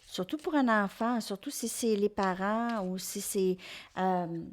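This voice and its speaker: Québécois woman tarot reader, slow and hesitant, lots of fillers and restarts, mid-pitched voice. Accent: Québécois French. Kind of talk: tarot card reading for viewers.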